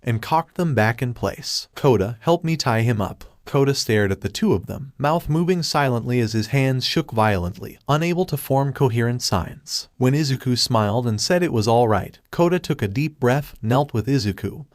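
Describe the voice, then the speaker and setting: A man reads a fan fiction story aloud in steady, even scripted narration. His voice sits at a middle pitch and the recording is dry and close, with no room around it. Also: moderate pace, hardly any pauses, dry recording.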